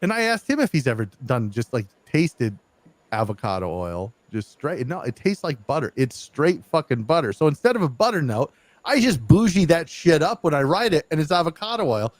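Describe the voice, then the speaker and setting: A podcast host runs a live show over a video call, telling stories in casual chat with excitable energy and swearing freely. His voice is a little high and his speed is normal. The recording is dry.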